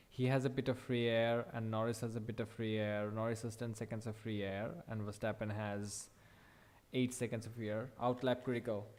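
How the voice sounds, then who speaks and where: A young man reacting live as he watches a race, thinking aloud, excited and swearing now and then. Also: mid-range voice. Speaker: watch-along race commentator.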